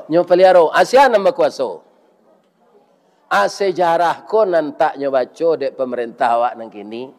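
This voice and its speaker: A middle-aged man preaching a sermon with a Minangkabau accent, lively and joking, who keeps asking his listeners for agreement. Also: fairly high pitch.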